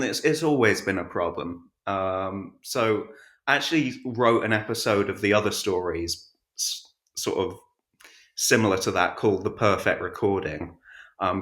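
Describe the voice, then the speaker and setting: A writer and voice actor, appearing as a podcast guest, chats casually in a hesitant, self-effacing way. His voice sits on the low side with a bit of brightness, and the sound is reverberant.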